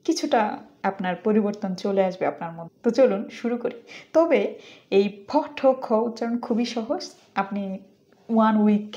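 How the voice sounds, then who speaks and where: A woman's voice: mid-range voice, warm tone, highs cut off. A woman with a Bangladeshi accent teaching English pronunciation, stretching out and exaggerating each model word. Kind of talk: pronunciation lesson.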